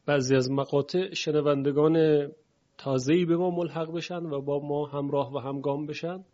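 Male recitation teacher, mellow voice slightly above average pitch, explains patiently, stretches example words, muffled lo-fi recording. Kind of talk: spoken lesson with recited examples.

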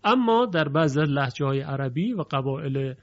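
A man teaching the rules of Quran recitation in a lecture, slowly repeating recited examples. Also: on the high side, lively intonation, dry recording. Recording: dull lo-fi sound.

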